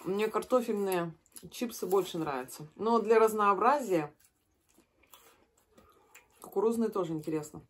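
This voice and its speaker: A woman's voice: mid-range voice, normal speed, long pauses. A woman in her thirties chatting casually as a mukbang host, talking while she crunches chips and snacks. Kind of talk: casual chat while eating. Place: small furnished room at home. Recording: clear background noise and clicks.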